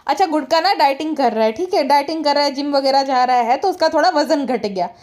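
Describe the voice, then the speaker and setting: A woman with a high, light voice delivering sarcastic vlog commentary. She scolds and mocks in a blunt, conversational way, driving each point home with cutting remarks. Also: expressive, fast, a little mellow. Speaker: commentary vlogger.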